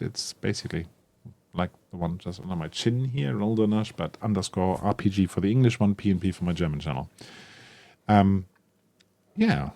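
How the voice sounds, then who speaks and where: A man with a lowish, creaky, warm voice gives an enthusiastic, casual unboxing as a tabletop RPG content creator. He thinks aloud with lots of ums and self-corrections, and the audio carries no room sound.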